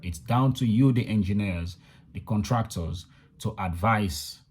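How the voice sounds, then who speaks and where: A man's voice: lowish voice, measured pace, a little mellow, husky. A man hosting a casual news update to viewers, conversational and emphatic, repeating words for stress. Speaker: video channel host. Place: indoors in a room in London.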